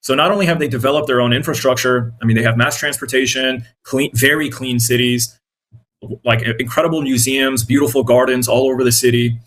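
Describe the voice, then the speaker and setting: With fairly even intonation, a brisk pace, and a mid-range, fairly bright voice, a man answers interview questions in an American accent. Born in Iraq and raised in the United States, the independent journalist and content creator explains things earnestly and conversationally.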